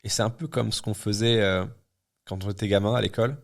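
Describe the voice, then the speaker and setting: A man's voice: on the low side, steady tone, a little fast, gravelly. A man in his twenties, a guest in a casual podcast chat, speaking bluntly and thinking aloud with plenty of fillers and restarts. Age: 20s. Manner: blunt, talks things through with many fillers and restarts. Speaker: guest entrepreneur.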